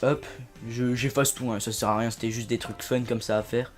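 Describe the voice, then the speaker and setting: A man hosting a casual let's-play video, chatty and excitable, with sudden loud outbursts between low asides. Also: moderate pace, faint music behind. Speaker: gaming video host.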